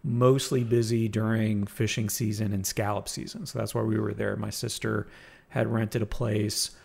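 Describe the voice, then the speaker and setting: A man in casual conversation, telling a personal story in a reflective, halting way with frequent restarts. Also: on the low side, little pitch movement, creaky, a little mellow.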